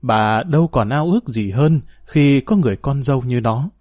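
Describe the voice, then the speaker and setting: Man, calm storyteller, mid-pitched voice, dry close sound, measured formal reading. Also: no room sound. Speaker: storyteller and program host. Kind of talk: scripted story narration.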